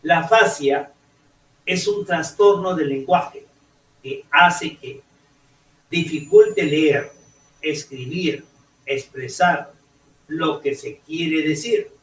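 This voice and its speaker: A male teacher lecturing a class, halting and restarting often and checking in with "ok?" as he goes. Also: a little high, fairly bright tone. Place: echoey classroom. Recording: roomy classroom audio, mic far off.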